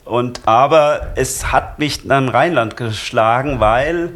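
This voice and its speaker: A man from Lower Franconia, a guest chatting casually about carnival plans with many hesitations. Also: slow, a bit bright. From Lower Franconia, Germany. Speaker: carnival club member, guest. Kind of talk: casual radio chat.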